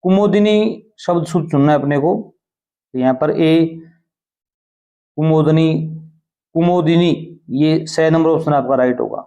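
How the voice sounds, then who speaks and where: Hindi teacher with a mellow tone. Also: male voice, on the high side, muffled recording. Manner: explains step by step and asks quick questions. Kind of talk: exam prep lesson.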